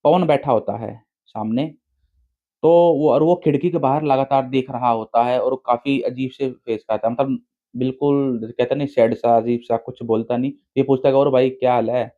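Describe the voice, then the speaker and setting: A man's voice: mid-range voice, fairly even intonation, normal speed. Man telling a ghost story, tinny sound. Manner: informal, chatty retelling in plain speech. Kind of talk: casual spoken horror story narration. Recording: tinny phone-like recording.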